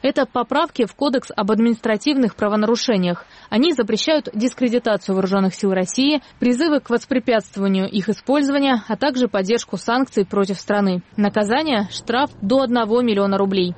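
A woman narrating a news report in an even, measured, scripted read. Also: on the high side, dry recording.

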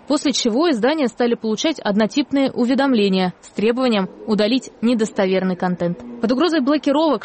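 A woman narrating a news report in an even, measured, scripted read. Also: a little high.

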